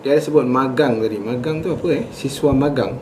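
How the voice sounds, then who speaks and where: A man's voice: medium pitch, fast talker, a little mellow, slight background noise. A man with a Malaysian accent giving casual reaction commentary as a channel host, talking straight to viewers.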